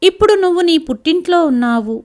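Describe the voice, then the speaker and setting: A woman's voice: very high voice, lively intonation, fast talker, pitched above the performer's own voice. A woman reading the lines of a protective middle-aged mother in a spoken family story, anxious and indignant. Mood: worried.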